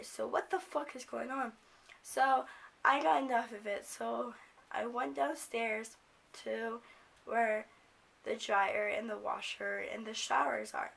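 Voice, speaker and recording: A young American woman tells a story in an informal, rambling way. Her voice is fairly high but croaky and creaky, with a smoker's rasp brought on by a cold. She talks casually and swears freely. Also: a bit bright. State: sick with a cold, coughing. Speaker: video blogger.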